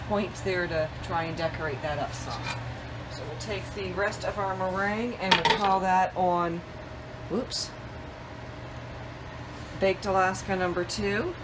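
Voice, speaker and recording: A middle-aged woman who hosts a cooking channel gives plain, step-by-step instructions in her home kitchen, with some fillers. Her mid-range voice is a little slow, picked up by a camera mic a few feet away with background noise.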